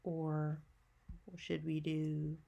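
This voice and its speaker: Slow-paced woman teaching a child to count. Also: sits low, completely flat delivery, vocal fry, dark tone, lo-fi sound. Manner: patient, simple step-by-step, teaching a child to count; question-and-answer phrasing. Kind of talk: maths lesson narration for young children.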